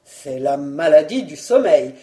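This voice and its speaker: A woman reading a storybook voices a timid, evasive baron, lowering her voice and speaking hesitantly. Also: animated, measured pace, warm tone, roomy sound. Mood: placating. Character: timid, evasive middle-aged baron collector.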